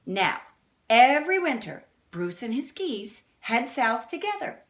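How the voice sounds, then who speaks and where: This reader's fairly high, bright voice is very animated, and she moves a little slowly through a picture book for young children. She keeps turning to her listeners with chatty, simple explanations and questions.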